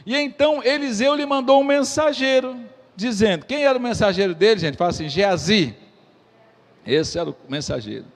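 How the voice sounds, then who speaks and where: A man with a Brazilian Portuguese accent preaches from the pulpit, his voice pitched high. He reads scripture, checks in with the congregation, and retells the story in vivid voices. A long church reverb trails each phrase. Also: animated, brisk. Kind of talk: sermon with scripture reading. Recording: echoey church hall.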